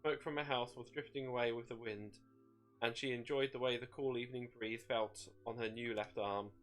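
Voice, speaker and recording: A man's voice: mid-range voice, steady tone, normal speed. Man reading a dramatic story over music. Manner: stumbles over words and rereads them. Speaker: narrator.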